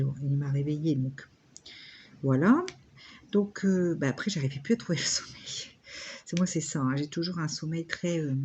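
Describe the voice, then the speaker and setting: A woman talks casually at home, rambling from one thing to the next with plenty of fillers. Her voice is mellow and dark. The recording is slightly dull, with faint noise behind her. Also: low voice. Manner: rambling, chatty, many fillers. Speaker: vlogger. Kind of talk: casual chat while crafting.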